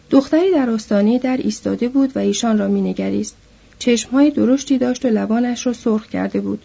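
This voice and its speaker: A woman narrating an audiobook in an even, measured reading voice, in a dull lo-fi recording. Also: on the high side, gravelly, slightly rough.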